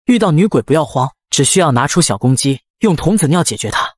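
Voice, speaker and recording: A man's voice: fairly high pitch, animated, fast talker, lightly acted. A man voicing a coy, taunting young female ghost who teases her prey in a comic storybook tale. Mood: teasing. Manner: coy, taunting, playfully menacing.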